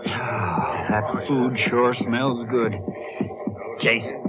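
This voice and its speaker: An actor playing a folksy, plain-spoken western sheriff with a drawn-out delivery in an old-time radio drama. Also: male voice, medium pitch, fairly even intonation, lo-fi sound, loud music behind the voice. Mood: easygoing.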